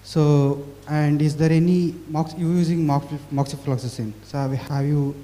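A man from the audience asking a question at a conference, speaking haltingly with many restarts. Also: fairly high pitch, steady tone, mellow. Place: conference hall. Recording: reverberant conference hall.

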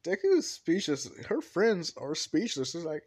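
A man's voice: fairly high pitch, huge pitch swings, normal speed, darkish tone, slightly rough. A man improvising a fan-fiction story aloud, rambling with many restarts and fillers.

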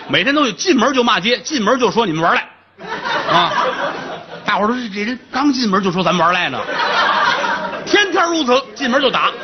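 A man's voice: high-pitched, dull audio, heavy background noise. A man telling a classic tale as a traditional comic storyteller, colloquial and full of comic asides.

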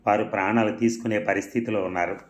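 A man's voice: lowish voice, steady tone, fast, close to an everyday voice. A man voicing a wronged but defiant young village woman in a storybook reading, in an earnest, pleading manner. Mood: angry. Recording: roomy echo.

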